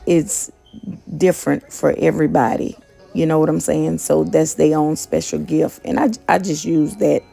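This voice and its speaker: Faint soft music sits behind this casual vlog, where a motivational vlogger who also does gig work discusses motivation. She speaks slowly in a self-described monotone, her deeply gravelly, mellow voice chatty and peppered with fillers and restarts.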